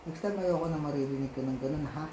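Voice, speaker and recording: A father in a casual home video, patiently coaxing and gently scolding his young child, repeating his questions over and over. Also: a little high, fast talker, echoey room, noisy background. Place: home, indoors.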